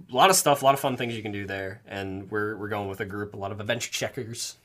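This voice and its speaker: A man's voice: lowish voice, brisk, fairly bright tone. A man, co-hosting a casual podcast chat, joking and laughing often. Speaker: podcast co-host.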